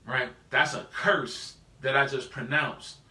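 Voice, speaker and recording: Speaking slowly at a medium pitch, a man from the United States runs a live Bible study with animated, slang-filled talk. He constantly checks in with a rhetorical "right?". The mic is distant and the room reverberant.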